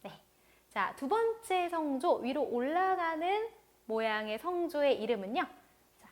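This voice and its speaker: High-voiced woman teaching a language lesson. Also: big pitch swings. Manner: patient, repeats words slowly for learners to follow. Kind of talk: online language lecture.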